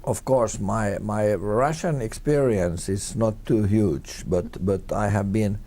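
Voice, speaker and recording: Speaking English as an interview guest, a middle-aged Finnish tourism consultant with Swedish as his first language gives conversational answers. His delivery is halting, full of repeated words and restarts. He has a fairly low pitch and a dark tone.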